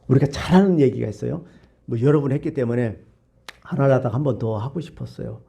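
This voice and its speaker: A man's voice: medium pitch, brisk, creaky, dark tone. A male pastor preaching a sermon, telling a parable and asking rhetorical questions.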